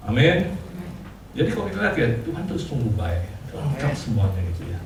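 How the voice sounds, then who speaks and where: A male pastor giving a casual, conversational sermon, chatty and quick to laugh, with plenty of fillers. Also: mid-range voice, sing-song, gravelly, background noise. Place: church hall. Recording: distant mic in echoey church hall with faint ambience.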